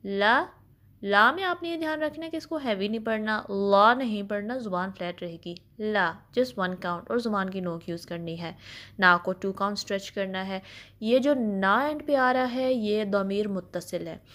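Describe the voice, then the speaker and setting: Woman, recitation teacher, patient, slow worked examples, mixes in English words, mid-pitched voice. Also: fairly bright tone. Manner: patient, explains each letter with slow spoken examples, says "ठीक है" often. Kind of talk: step-by-step recitation lesson.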